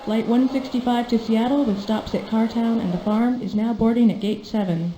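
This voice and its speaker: A calm female airport announcer pages travelers in a soft, polite, unhurried way. Her slightly high voice is mellow and warm. It rings through an echoing loudspeaker in a cartoon learning game. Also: a little hiss or hum. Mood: polite paging. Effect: soft announcement over an echoing public address system. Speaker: airport public address announcer. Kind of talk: educational game voice acting.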